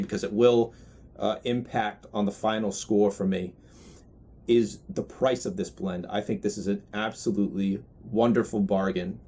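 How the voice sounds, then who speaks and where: A man giving a casual, unscripted review in a measured, deliberate way, often pausing mid-phrase. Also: lowish voice, breathy edge. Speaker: pipe tobacco reviewer.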